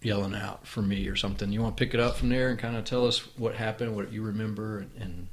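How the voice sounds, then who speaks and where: Man, host, low voice, reflective, unhurried, frequent restarts, casual chat. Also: steady tone, slightly rough. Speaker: podcast host and author. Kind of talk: casual conversation with his wife.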